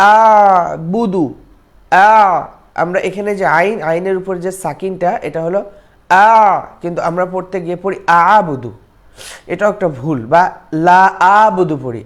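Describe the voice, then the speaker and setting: A man teaching Quran recitation. He chants slowly and stretches the words out, then explains pronunciation and repeats the sounds to show them. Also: sits high.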